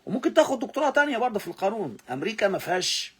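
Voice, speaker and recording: A man with an Egyptian Arabic accent teaching English, repeating words slowly for pronunciation drills and swinging between loud emphasis and low asides. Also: sing-song, slightly rough. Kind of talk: English lesson explained in Arabic.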